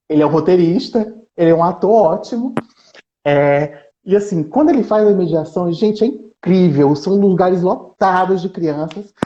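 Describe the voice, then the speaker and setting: Animated man with lively, shifting intonation. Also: on the high side, highs cut off. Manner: animated, dramatizes book reading with shifting intonation. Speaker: researcher guest. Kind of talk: casual chat on a live stream.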